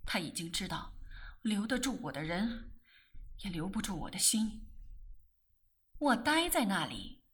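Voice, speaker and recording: A woman reading a novel aloud in expressive, animated storytelling narration. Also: mid-range voice, measured pace, long pauses, breathy edge. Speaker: audiobook reader.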